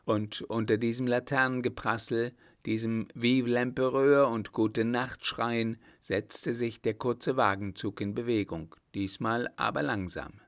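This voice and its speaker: A man narrating an audiobook in a calm, even storytelling manner. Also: medium pitch, unhurried, few pauses.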